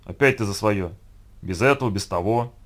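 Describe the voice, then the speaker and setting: A man's voice: on the low side, normal speed, voice pushed down, lightly acted. A man voicing an irritable older colleague who scolds a young man. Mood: irritated. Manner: scolding, exasperated.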